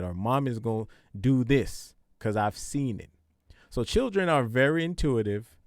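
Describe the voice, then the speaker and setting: A man's voice: mid-range voice, dry recording, clean studio sound. A man hosting a podcast, giving casual parenting advice in a conversational, repetitive, preachy way. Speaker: podcast host.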